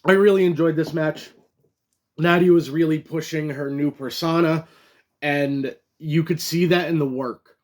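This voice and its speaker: Chatty man reviewing wrestling, slightly high. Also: fairly even intonation, a little slow, a little mellow. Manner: chatty, loose, many fillers and restarts. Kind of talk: casual solo review talk.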